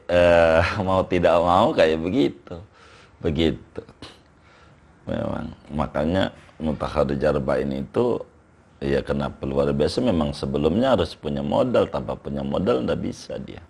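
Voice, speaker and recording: Older man, very deep voice, gravelly texture, scholar being interviewed, repeats himself while explaining. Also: a little slow, a little mellow. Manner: explanatory, repeats phrases, recites Arabic text aloud. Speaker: Islamic scholar, interview guest. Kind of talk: relaxed conversational interview.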